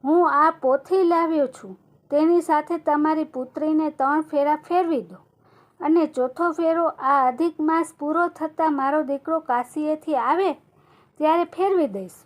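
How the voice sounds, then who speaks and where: A woman's voice: high-pitched, a little slow. A woman voicing an earnest old Brahmin man persuading another father to give his daughter in marriage. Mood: persuasive.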